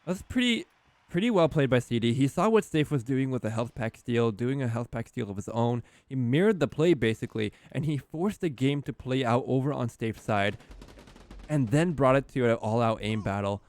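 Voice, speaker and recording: Man, esports play-by-play caster, mid-pitched voice, excitable, close desk mic. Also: normal speed. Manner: excitable, rising in pitch and volume at key plays. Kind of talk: live esports play-by-play commentary.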